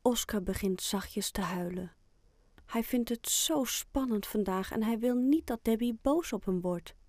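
A woman narrating a children's audiobook in a calm, clear storytelling manner. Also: a little high, moderate pace, no room sound, clean studio sound.

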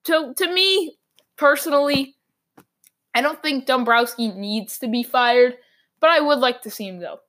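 A woman hosting a solo sports talk podcast, ranting with strong opinions, her voice going hoarse. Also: high voice, unhurried, fairly bright tone.

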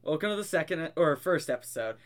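A man co-hosting a podcast in casual chat, chatty and giggly, telling stories with animated quoted reactions. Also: a little high, brisk. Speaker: podcast co-host.

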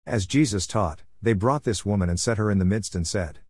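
Low-voiced man reading scripture aloud. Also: brisk, a little mellow, no echo, clean studio sound. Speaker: audiobook narrator. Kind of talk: scripted narration of a religious text.

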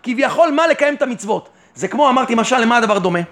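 Man, rabbi, Torah lesson, very high-pitched, rhetorical questions, direct and emphatic with listeners. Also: animated. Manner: rhetorical questions answered by himself; addresses listeners warmly and directly.

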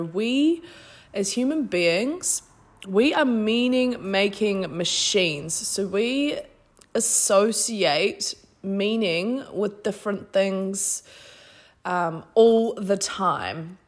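A woman with a New Zealand accent hosting a podcast, giving an informal, effusive spiritual self-help talk. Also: fairly low pitch. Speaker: podcast host.

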